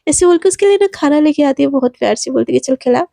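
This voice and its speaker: A woman telling a romance story in a casual, animated and dramatic way, sprinkling in English words. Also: high voice, rapid-fire, gravelly, dry recording, clean studio sound.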